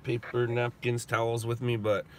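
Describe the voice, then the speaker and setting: Driving and streaming live, a congested, sniffling middle-aged man reads his viewers' chat and answers questions out loud in a loose, rambling way. He speaks at a normal pace in a mid-range, completely flat voice, with a little hiss or hum on the recording.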